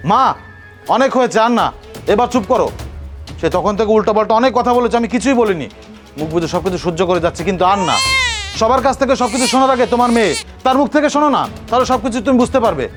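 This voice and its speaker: A man's voice: very high voice, animated, racing, music in the background. A man with a Bangladeshi accent playing an indignant young son defending his wife in a film melodrama, earnest and insistent. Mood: firm, exasperated. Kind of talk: melodramatic short film acting.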